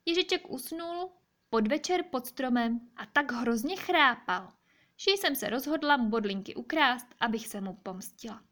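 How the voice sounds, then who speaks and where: Woman doing a shrill spiteful magpie. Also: animated, a bit bright. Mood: boastful. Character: spiteful chattering female magpie.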